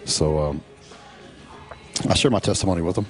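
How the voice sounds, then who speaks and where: Very deep-voiced laid-back man. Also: soft background music. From Texas. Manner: laid-back, drawn-out with many fillers. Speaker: professional bodybuilder. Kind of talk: casual voice-over narration.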